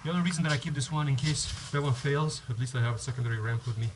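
Speaking rapid-fire in a mid-range voice, a man vlogs a casual how-to outdoors on his home driveway near the garage. The head-mounted action camera picks up background noise, and his explanation meanders, with restarted sentences and a step-by-step approach.

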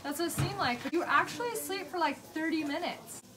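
Female companion, high voice, informal everyday talk in a room. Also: brisk. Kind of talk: casual chat. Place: indoor clinic room.

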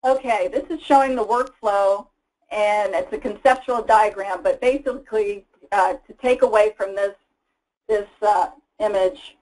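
A woman's voice: medium pitch, unhurried, a little mellow, low-quality recording. Woman presenting a slide webinar. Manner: casual, explanatory, frequent fillers. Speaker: product presenter. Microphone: voice-over for slides.

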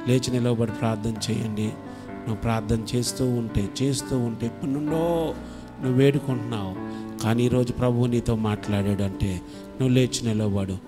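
A pastor from India preaching and leading prayer, moving from soft, murmured urging to loud, impassioned pleading. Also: male voice, mid-range voice. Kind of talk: sermon with altar call and prayer. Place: church sanctuary.

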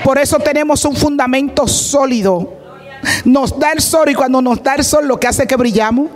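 A woman preaching an impassioned Pentecostal sermon, rising into shouted declarations and breaking into tongues. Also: high-pitched, moderate pace.

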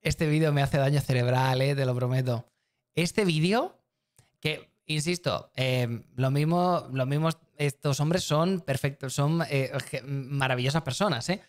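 A man's voice: medium pitch, unhurried. A man streaming, chatting casually and rambling, often repeating himself and talking straight to his chat. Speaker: streamer reacting to videos.

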